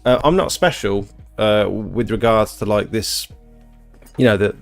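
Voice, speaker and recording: There's faint music behind this British man in his thirties as he hosts an informal livestream from a little bedroom that doubles as his office. An exterior cleaning tradesman, he rambles, reads comments and answers them in a lowish, gravelly voice at a measured pace.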